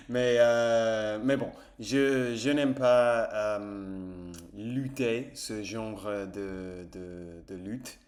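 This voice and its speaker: Man, English accent, native English speaker, casual vlog chat, hesitant, self-correcting, slow-paced, lowish voice. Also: fairly even intonation, darkish tone. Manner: hesitant, many fillers and self-corrections while searching for words. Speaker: language-learning vlogger. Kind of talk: casual spoken French practice to camera.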